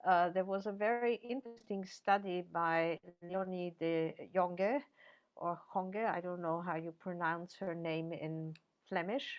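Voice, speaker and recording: An older woman professor answering interview questions in a measured way, with frequent fillers and restarts. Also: on the low side, fairly even intonation, smooth, highs cut off.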